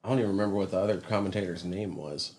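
Male co-host, lower pitch, relaxed conversational delivery, casual swearing. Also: racing, slight background noise. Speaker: podcast co-host. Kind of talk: casual chat.

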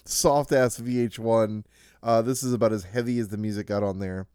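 Low, mellow-voiced man chatting casually. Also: normal speed, clear, resonant tone, no room sound. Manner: relaxed, reads facts with fillers and asides. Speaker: podcast co-host. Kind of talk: casual chat.

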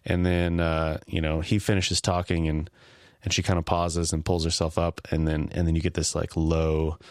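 A man co-hosting a podcast, recapping in a casual, halting, conversational way. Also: deep voice, flat delivery, darkish tone, dry recording, studio quality. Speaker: podcast co-host. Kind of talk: casual discussion, recapping a TV episode.

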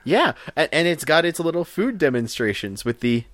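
A man's voice: fairly high pitch, big pitch swings, normal speed, fairly bright tone, no echo. A man co-hosting a podcast, chatting casually and enthusiastically, analytical and prone to restarts. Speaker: podcast co-host. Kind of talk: casual chat reviewing a cartoon.

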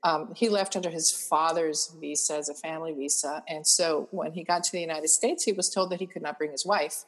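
A woman's voice: low-pitched, steady tone, brisk, husky. A retired woman, a grandmother, born in Cuba, chatting casually as a guest and telling her family story with frequent fillers. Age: older. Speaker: guest author. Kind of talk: casual conversation.

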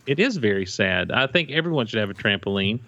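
A man's voice: on the low side, big pitch swings, brisk, bright, forceful tone, dry recording, highs cut off. Playful man hosting a podcast. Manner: playful, teasing questions. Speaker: podcast host. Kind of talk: casual podcast interview.

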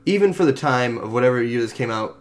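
A man in relaxed casual chat, laughing easily and swearing offhandedly. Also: medium pitch, fast talker.

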